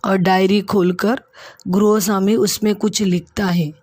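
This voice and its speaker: A woman teacher reading a lesson story aloud, pausing to explain difficult words. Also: medium pitch, little pitch movement, darkish tone, husky, no room sound. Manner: narrates slowly, stops to explain hard words.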